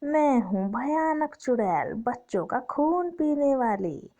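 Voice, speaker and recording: Lady doing a slow gloating child-eating witch, cackly and mean, kinda muffled lo-fi sound. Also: high-pitched, very animated, dark tone, voice pushed up, full character voice. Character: bloodthirsty female witch who eats children. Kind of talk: doll story play-acting.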